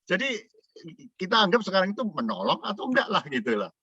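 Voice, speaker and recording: A man casually sharing an experience in a discussion, animated and chatty. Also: sits high, fast, breathy edge, no echo, dull audio. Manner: animated storytelling with rising exclamations.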